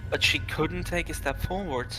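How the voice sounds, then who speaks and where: On a livestream, a man reads visual novel dialogue and narration aloud, halting and stumbling over some words. His voice is fairly high-pitched, with music playing in the background.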